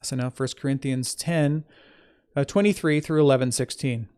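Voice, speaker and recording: A man's voice: mid-range voice, normal speed, a little mellow, smooth. A man reading scripture aloud. He stops to correct his own slips and adds informal asides between the verses. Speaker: Bible reader.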